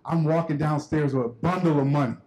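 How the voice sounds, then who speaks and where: A man with a notably high voice tells a story from a conference stage. He is animated and acts out each exchange as he goes, in the manner of a keynote storyteller. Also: fairly quick, poor audio. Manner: animated storyteller acting out dialogue. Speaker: keynote speaker.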